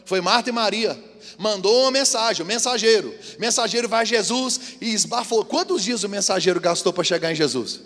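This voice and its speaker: A man preaching with a fairly high voice, lively and theatrical, slipping into high-pitched voices for the people he quotes. His sermon rings through a church hall with a long, echoing reverb. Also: a little fast. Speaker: pastor.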